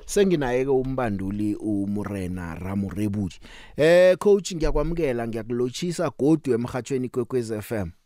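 A South African man hosting a sports radio show, talking through news and interviews conversationally with drawn-out pauses. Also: mid-range voice, lively intonation, mellow, dry recording.

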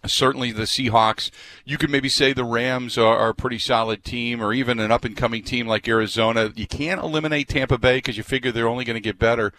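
A man's voice: medium pitch, fairly even intonation, quick pace, sharp tone. A man hosting sports talk radio, asking questions in an upbeat, conversational way. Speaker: radio host.

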